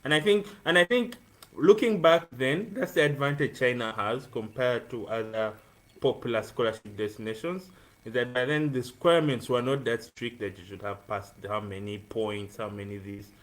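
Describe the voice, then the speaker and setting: A man's voice: mid-range voice, normal speed, fairly bright tone. A man in his twenties from Uganda, a student guest talking earnestly about his life on a live-streamed video call, with frequent ums. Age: 20s. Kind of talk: casual interview on a live stream.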